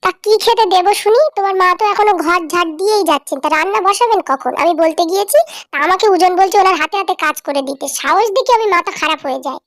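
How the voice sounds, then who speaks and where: A woman voicing a shrill, bossy young daughter-in-law. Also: fast, no echo, clean studio sound. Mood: contemptuous. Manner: shrill, nagging and haughty. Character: spoiled, scolding young village daughter-in-law. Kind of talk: cartoon voice acting.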